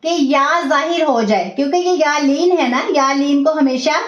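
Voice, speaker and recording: A woman teaching a recitation class, patiently repeating each word slowly and often checking in with her students. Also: sits high. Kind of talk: online class lesson, slow repetition drills. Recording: roomy, dull lo-fi audio.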